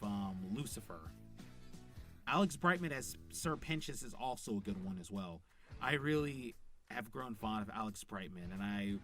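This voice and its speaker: A man who voices characters himself, giving enthusiastic, rambling unscripted commentary with plenty of fillers. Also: mid-range voice. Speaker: voice actor reviewing a show.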